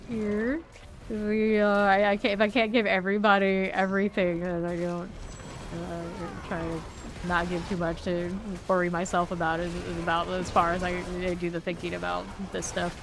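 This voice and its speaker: A woman's voice: on the low side, flat delivery, moderate pace, a little hiss or hum. A woman streaming a game, chatting casually and rambling to her viewers as she plays. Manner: chatty, rambling, talks to chat. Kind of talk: casual gameplay chat.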